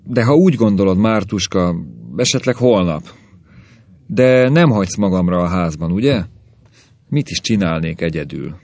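A man reads the part of a frail, frightened man who has come back from death, his deep voice trembling and halting as he pleads. The words come low and close, in a dry and plain sound. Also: lively intonation, darkish tone, no echo. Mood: fearful pleading.

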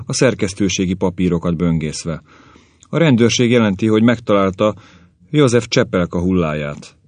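A man reading a story aloud in a measured, clear way. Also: low voice, darkish tone, no room sound. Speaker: narrator.

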